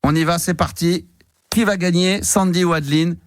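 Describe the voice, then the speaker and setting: A man's voice: on the high side, fairly even intonation, normal speed, no echo, studio quality. A man hosting a late-night call-in radio show, with loose, enthusiastic banter and plenty of swearing. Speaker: radio host.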